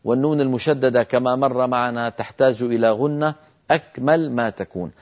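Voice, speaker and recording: On a televised lesson, a man with a medium-pitched voice calmly talks through recitation rules one by one and then demonstrates them slowly, lengthening the nasal sounds. The recording has a muffled, broadcast quality.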